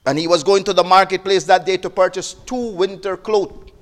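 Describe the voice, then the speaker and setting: High-voiced man preaching with big swings. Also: steady tone, moderate pace. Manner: emotive, rises and drops sharply in pitch and loudness; repeats words and restarts, non-native phrasing. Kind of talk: sermon storytelling.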